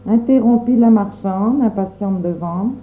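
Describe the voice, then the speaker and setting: A woman reading a children's novel aloud, with an expressive delivery. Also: mid-range voice, measured pace. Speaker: audiobook co-reader. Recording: tinny phone-like sound.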